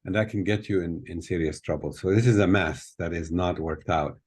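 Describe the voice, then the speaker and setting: An older Tunisian-born man with a deep, husky voice talks briskly, explaining things thoughtfully and with plenty of fillers. He's a guest speaker on a video call from a hotel room, picked up by his laptop's webcam mic.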